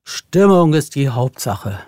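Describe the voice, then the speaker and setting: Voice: medium pitch, sing-song, slow pace, a little mellow, no room sound, clean studio sound, voice pushed down. A narrator voicing an owl who wants Christmas dim and cosy. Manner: hooting, dreamy.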